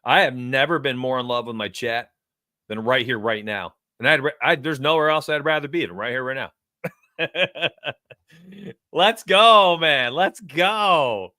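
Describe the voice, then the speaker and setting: On his casual sports betting livestream, a New York man aged forty chats with energy and speaks straight to his viewers. He talks at a measured pace with a medium-pitched voice, recorded dry at studio quality.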